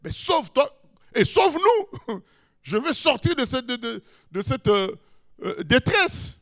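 A man's voice: very high-pitched, sing-song, slow pace, fairly bright tone, voice pushed up, exaggerated voice. A man voicing a scornful crucified male thief who taunts and demands to be saved. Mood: mocking. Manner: mocking, demanding.

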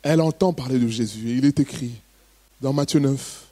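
A man's voice: mid-range voice, brisk, dark tone, no room sound. A man preaching a sermon, first reading a Bible passage steadily, then preaching with emphatic, rising bursts.

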